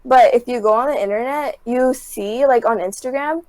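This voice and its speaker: Brief: young woman guest, higher voice, rambling casual retelling, dry close sound. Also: moderate pace, darkish tone, no echo, low-quality recording. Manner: rambling retelling, constant "like" fillers. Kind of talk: casual chat.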